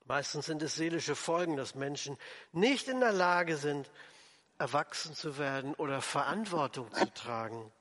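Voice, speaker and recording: Male preacher, fairly high voice, church reverb, lively sermon delivery. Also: normal speed. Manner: animated, acts out quoted voices, drops low for emphasis.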